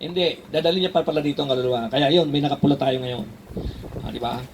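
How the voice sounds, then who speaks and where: High-voiced man preaching a lively sermon. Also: fast talker, background noise. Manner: lively, asks the church "di ba?" often, switches to English for Bible verses. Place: church service in a hall.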